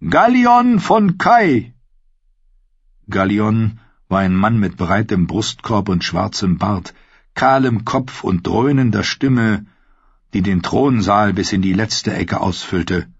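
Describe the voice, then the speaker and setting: A man reading an audiobook in a measured, unhurried way, with a husky voice. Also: fairly low pitch, dry recording. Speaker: audiobook narrator. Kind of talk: scripted narration. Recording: dull, dry lo-fi audio.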